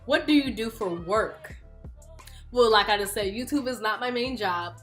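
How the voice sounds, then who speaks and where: Slightly high and fairly bright, her voice moves at a normal speed over faint background music. She's a Houston, Texas YouTuber in her early twenties, chatting playfully through a question-and-answer vlog and laughing frequently.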